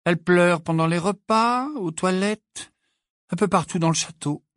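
A man voicing Hermione, a bossy, clever teenage girl who talks in a brisk, prim, lecturing way. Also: sits high, a bit bright, dry recording, studio quality, voice pushed up. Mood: absent-minded.

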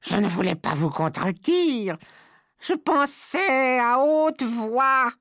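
A woman's voice: high voice, lively intonation, slow, fairly bright tone, no echo, clean studio sound, full character voice. A woman playing a terrified female witch begging for mercy in an audio drama. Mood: pleading. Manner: begging, frightened.

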